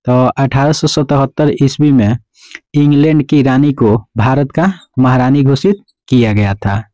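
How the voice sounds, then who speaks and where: Mellow-voiced man drilling quiz answers. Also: medium pitch, measured pace, dry recording, poor audio. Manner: repeats "remember" and "okay" as drilled prompts. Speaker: exam-prep teacher. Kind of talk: quiz explanation lesson.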